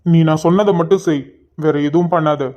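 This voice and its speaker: A man's voice: fairly high pitch, steady tone, a little fast, dark tone, close to an everyday voice. A man voicing a snappish, vengeful young businessman in a cartoon. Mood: irritated. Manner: snappish, menacing. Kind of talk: cartoon voice acting.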